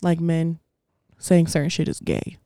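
A woman's voice: low voice, fairly even intonation, a little slow, dark tone, dry recording, studio quality. A young woman hosting a podcast, talking in a blunt, profane, opinionated way in casual chat. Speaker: podcast host.

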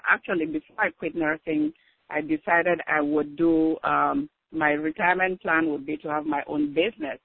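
A woman's voice: deep voice, gravelly, breathy edge, no room sound. An older woman from Cameroon with a Cameroonian accent, explaining her background steadily as a guest on a phone interview. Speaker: guest author. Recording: phone-like narrow line.

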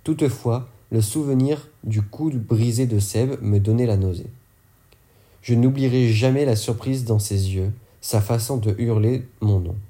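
Guy reading an audiobook, warm mellow voice, fixes his slips as he goes. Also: mid-range voice, measured pace. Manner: steady reading with occasional self-corrections. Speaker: audiobook reader. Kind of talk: audiobook narration.

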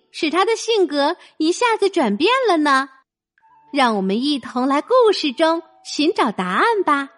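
A woman narrating a children's story, speaking gently and directly to a young listener. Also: high-pitched.

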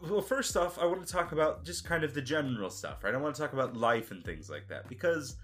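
A man's voice: medium pitch, expressive, fast talker, a bit bright. A man hosting a casual podcast interview, rambling with lots of fillers and asking friendly questions. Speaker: podcast host. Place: lives and works in Russia as a foreigner.

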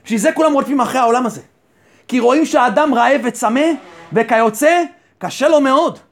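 A male rabbi giving a Torah sermon, asking rhetorical questions and answering them himself, and repeating key phrases for emphasis. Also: extremely high pitch.

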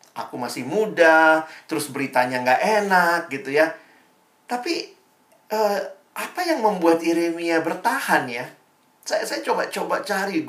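A man's voice: fairly high pitch, fairly bright tone. A young man giving a casual devotional talk to a campus fellowship, chatty and informal, with slangy asides and tag questions. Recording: echoey room.

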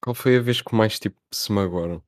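A man's voice: on the low side, fairly quick, crowd noise. A young man with a European Portuguese accent in casual podcast banter among friends, slangy and teasing. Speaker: podcast co-host.

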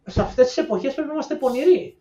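A woman's voice: high-pitched, animated, mellow. A woman co-hosting a podcast in casual analytical chat, speculating and offering her ideas in a knowing tone. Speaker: podcast co-host. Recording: distant, echoey, dull-sounding mic.

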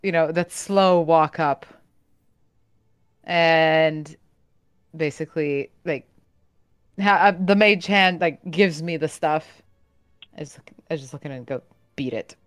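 A woman's voice: low voice, slow pace, pauses often, smooth, no room sound, clean studio sound. A woman chatting casually as a player in a tabletop game, describing what her character does.

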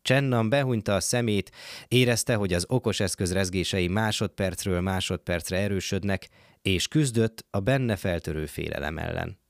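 Male audiobook narrator, deep and gravelly, dry booth sound. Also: no echo. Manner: measured storytelling.

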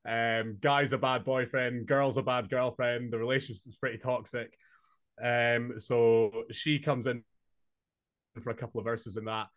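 A young adult man from Scotland with a Highland Scottish accent, chatting casually as an interview guest. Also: steady tone, measured pace, a bit bright. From Inverness, Scotland. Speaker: podcast guest, singer-songwriter.

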